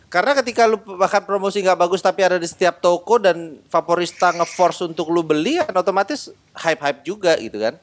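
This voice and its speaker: A man's voice: high-pitched, fairly quick. A man hosting a casual podcast, joking and swearing as he asks questions. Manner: joking, swears, bursts into laughter. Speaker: podcast host.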